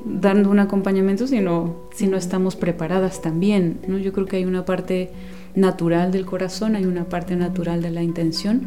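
A woman in her forties from Guatemala, a guest speaking softly in an interview and searching for words with many pauses and restarts. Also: fairly low pitch, little pitch movement, faint music behind. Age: 40s. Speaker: guest, women's companion and former teacher. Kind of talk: unhurried interview talk.

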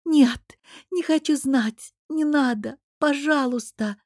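A woman voicing a fragile young wife just woken from a nightmare, pleading in a high, tearful voice. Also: slow, a little mellow, no echo, clean studio sound.

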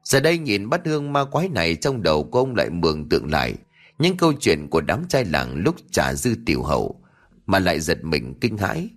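A man's voice: low-pitched, very animated, fairly quick. A man narrating a ghost story as an audiobook reader.

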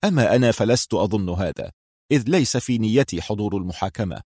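A man's voice: fairly low pitch, expressive, fast talker, darkish tone, slightly rough, no echo, studio quality. A man voicing a sarcastic, cocky male secret agent in an audiobook. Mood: mocking. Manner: sarcastic and mocking.

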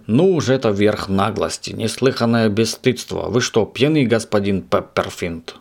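A man voicing an angry, loud middle-aged landlady who scolds her lodger. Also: animated, a little fast, lightly acted. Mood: scolding. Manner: shrill, scolding, indignant.

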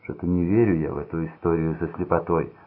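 Cruel sneering gangster, voiced by a man, low husky voice, menacing, phone-like sound. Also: fast. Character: cold, mocking male gangster, cruel.

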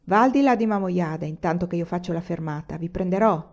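A woman reading the lines of a big, jovial coach driver in a storybook, calling out loudly, on a dull lo-fi recording. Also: on the low side, fast, natural voice. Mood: gruff.

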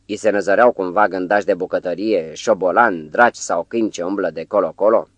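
A man voicing a calm, composed psychiatrist who speaks in a measured way, in an audiobook. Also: low voice, no room sound, muffled recording.

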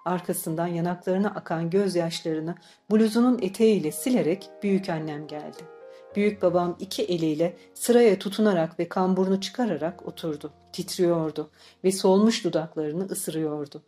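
A woman narrates an audiobook in a calm, measured storytelling voice. Her tone is mellow and somewhat low for a woman. Faint music plays underneath. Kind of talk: scripted narration.

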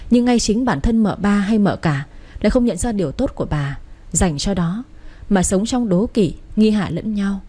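A woman narrating a family drama story in a steady, even-paced reading. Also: mid-range voice, moderate pace, husky.

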